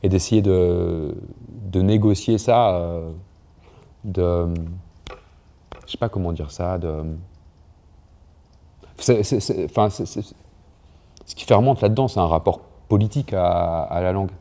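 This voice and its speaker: Deep and warm, this young man's voice moves at a measured pace with long pauses. He's a writer and poet from France with a neutral Parisian French accent, discussing language in an interview, hesitantly, full of fillers and restarts.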